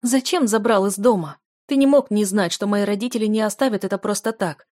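A woman's voice: mid-range voice, fairly quick, darkish tone, dry recording, clean studio sound, natural voice. A woman voicing a desperate young female student in love, pleading emotionally with a raised voice.

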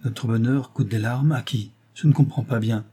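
A man's voice: medium pitch, fairly even intonation, normal speed, mellow, husky, close to an everyday voice. A man voicing a troubled young husband in an audiobook reading, with anxious, urgent questioning.

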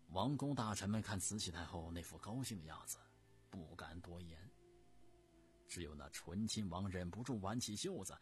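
A man telling a historical tale in a dramatic, lively traditional storytelling style. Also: on the low side, slightly rough.

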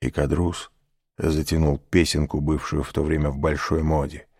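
A man narrating a classic novel as an audiobook, in a measured, even storytelling manner. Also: extremely low pitch, slightly rough, no room sound, studio quality.

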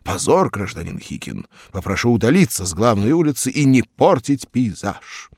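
A mock-polite, officious militiaman, voiced by a man a bit higher and louder than his narrating voice. The recording is close and dry. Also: sing-song, normal speed, slightly rough, no room sound. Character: officious, mocking male militiaman.

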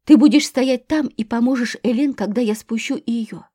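A woman's voice: fairly high pitch, normal speed, warm tone, natural voice. A woman voicing a terrified young mother giving urgent commands to her children during a house fire. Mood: forced calm.

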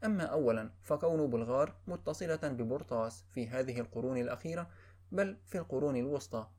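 A man giving a steady, measured formal reading of a classical history book. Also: medium pitch.

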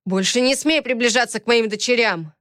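A woman's voice: a little high, a bit bright, no echo, clean studio sound, voice pushed up, close to an everyday voice. A woman reading a cruel, snarling husband. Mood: menacing. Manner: harsh, snarling, slow and menacing. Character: cruel, domineering husband, grown man, furious.

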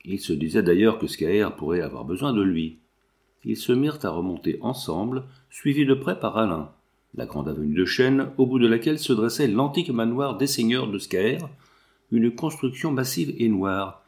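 Low expressive male audiobook narrator. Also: normal speed. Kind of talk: scripted narration.

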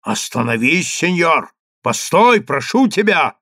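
A man voicing an older chief rabbi who pleads and bargains in a high, strained voice. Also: animated, slow pace, gravelly, pushed and bright, no echo, studio quality, heavily acted. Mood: pleading.

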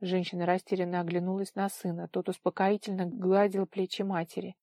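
A woman reading an audiobook in steady, expressive scripted narration. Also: fairly low pitch, a little fast, no echo.

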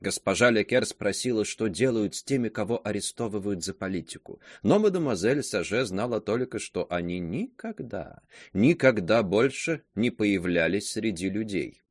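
A man narrating a classic novel in an expressive audiobook reading style. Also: fairly low pitch, normal speed, dry recording, clean studio sound. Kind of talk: literary narration.

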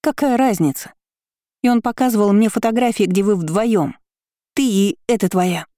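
A reader voicing a jealous young woman in an audiobook, shrill and breaking with tears. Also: normal speed, warm tone, no echo, studio quality, lightly acted. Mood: tearful anger. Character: tearful jealous young woman, fiery and desperate. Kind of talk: audiobook character voice.

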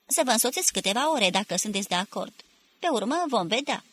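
A woman voicing a calm, pipe-smoking male commander who speaks politely and measured in an audiobook. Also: medium pitch, husky. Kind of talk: audiobook character reading.

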